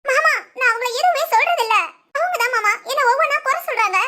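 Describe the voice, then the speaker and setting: A shrill sharp-tongued young wife. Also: female voice, expressive, fast, heavily acted. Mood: pleading. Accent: Tamil Nadu village speech. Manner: sarcastic, mutters spiteful asides. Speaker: daughter-in-law.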